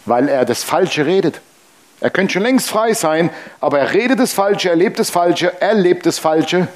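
Pastor, male, slightly high voice, emphatic preaching with repetitions and questions to the congregation. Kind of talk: sermon.

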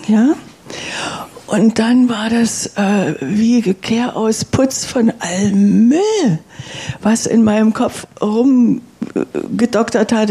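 A woman's voice: medium pitch, creaky, warm tone, breathy edge. A woman giving a plain, earnest personal testimony during a church service.

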